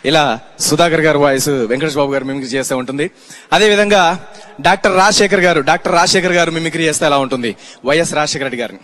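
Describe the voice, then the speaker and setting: A mimicry artist on stage, chatting and introducing each impression. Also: male voice, a little high, quick pace, a bit bright. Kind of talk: stage comedy show. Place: outdoor stage event before a crowd.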